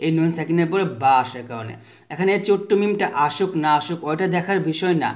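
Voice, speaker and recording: A man's voice: fairly high pitch, expressive. Patient man teaching Quran recitation rules. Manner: asks the class a question, then answers it himself, and chants the letters slowly; has listeners repeat after him. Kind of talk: tajweed lesson.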